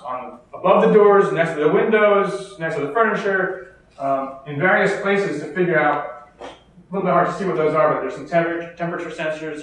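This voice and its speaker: A man with an American accent and a slightly high, somewhat bright voice gives a keynote lecture, explaining steadily while occasionally using filler words or restarting. He's recorded from afar in an echoey lecture hall.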